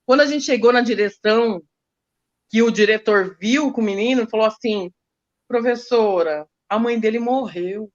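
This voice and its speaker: A woman teacher, recounting school stories in an emotional, animated way. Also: on the high side, moderate pace, highs cut off. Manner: emotional, animated retelling with quoted speech. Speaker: teacher guest. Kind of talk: storytelling in a casual interview.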